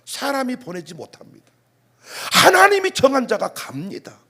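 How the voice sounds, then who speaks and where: High, husky, lively preaching man. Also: normal speed. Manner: animated preaching with rhetorical questions and outbursts. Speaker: pastor. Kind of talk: sermon.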